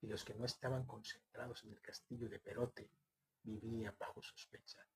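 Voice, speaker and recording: A man reading a short story aloud in first-person narration, measured and even, putting clipped questions to the other characters. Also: lowish voice, vocal fry, breathy edge, poor audio.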